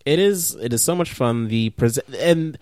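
A man's voice: mid-range voice, animated, a little slow, darkish tone, no echo. A man chatting with a friend, his voice climbing and dropping all over the place. He rambles along with lots of "like," and the sound is close and dry. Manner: rambling, lots of "like", jumps into silly quoted voices. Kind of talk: casual chat.

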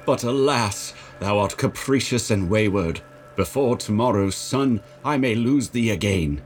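A man's voice: lowish voice, animated, a little slow, slight background noise, voice pushed up. A man voicing an earnest, devoted young shepherd who pleads in old-fashioned speech. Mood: earnest, pleading.

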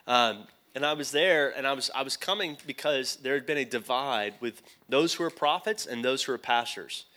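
A man's voice: medium pitch, moderate pace, sharp tone. A male pastor teaching a sermon, often putting questions to the congregation.

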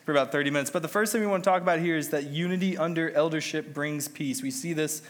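A lay preacher with a cold gives a sermon, sounding a little nasal as he teaches in a conversational, self-deprecating manner. His voice is a little high, and he talks fast.

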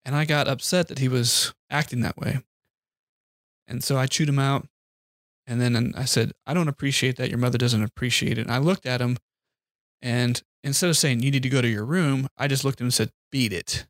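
A man co-hosting a podcast, telling a personal story about his son in a lively way and acting out the quotes. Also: mid-range voice, brisk, dry recording, clean studio sound. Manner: animated storyteller, acts out quotes. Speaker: podcast co-host. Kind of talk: casual storytelling chat.

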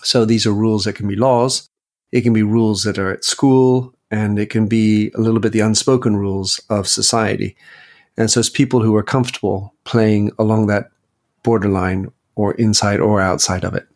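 A man's voice: fairly low pitch, steady tone, moderate pace. A man in his fifties, a guest and author, telling his life story in a reflective interview. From Belgium. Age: 50s. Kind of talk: interview conversation.

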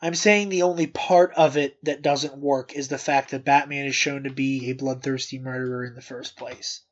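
A male podcast host talks casually, tripping over restarts as he rambles. He sits at a middling pitch, and the audio is muffled and lo-fi. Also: steady tone, moderate pace. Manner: rambling, restarts, plugs merch enthusiastically.

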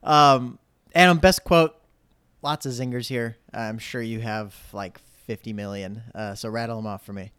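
A man co-hosting a casual chat, animated and laughing, who moves the talk from one segment to the next. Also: mid-range voice, moderate pace, clear, resonant tone, no echo. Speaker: podcast co-host.

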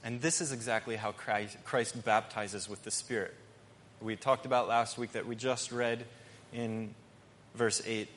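A man's voice: medium pitch, steady tone, fairly bright tone, slight background noise. Man preaching in a reverberant hall. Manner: earnest, emphatic preaching with pauses and restarts. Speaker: pastor. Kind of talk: sermon.

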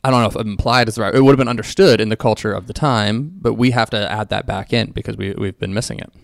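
A man's voice: on the low side, steady tone, fast, vocal fry, dry recording, clean studio sound. A man co-hosting a podcast, explaining playfully and with animation in casual chat. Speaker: podcast co-host.

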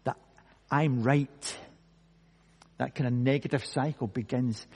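A male pastor preaching a sermon slowly and emphatically, with dramatic pauses. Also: medium pitch, fairly even intonation, darkish tone, husky. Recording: long hall reverb.

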